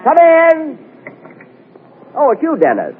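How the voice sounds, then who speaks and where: A man hosting a 1940s radio comedy, delivering his lines with indignant, deadpan comic timing, heard as an old AM radio broadcast. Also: very high-pitched, takes it slowly, phone-quality sound, slight background noise. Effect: old AM radio broadcast sound.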